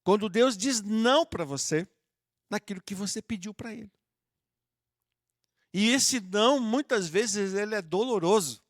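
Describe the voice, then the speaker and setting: A man's voice: high-pitched, measured pace, pauses often, dry recording, clean studio sound. A man preaching a sermon as pastor, speaking to the congregation in a familiar, conversational way and acting out sample prayers. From southern Brazil. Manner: conversational preaching that addresses listeners warmly and acts out sample prayers. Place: church auditorium.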